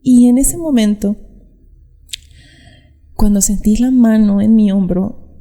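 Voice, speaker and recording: A woman's voice: medium pitch, slow pace, warm tone, in a large hall. A young woman telling her personal story to camera outdoors, earnest and emotional, sometimes acting out what others said. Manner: earnest, acts out quoted voices. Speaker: vlogger sharing her testimony. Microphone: camera mic.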